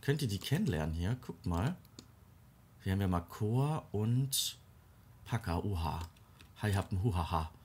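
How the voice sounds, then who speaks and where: Low-voiced guy doing chill game commentary, coos at his characters, bit of faint hiss. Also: big pitch swings, unhurried, long pauses, darkish tone. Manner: chatty, talks to the game characters in a fond baby-talk way. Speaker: gaming let's-play creator. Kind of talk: casual let's-play commentary.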